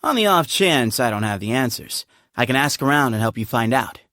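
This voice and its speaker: A voice actor with a medium-pitched, sharp-toned, very animated delivery performs video game lines for an easygoing, playful young man who leads a desert temple. He sounds chummy and quick to laugh, recorded on a studio microphone in a dry booth.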